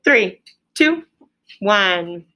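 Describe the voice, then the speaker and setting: A woman teaches a reading lesson to young pupils in a medium-pitched voice with lively intonation, a sharp tone and a very slow pace. The elementary school teacher explains simply, repeats key words and asks the children questions.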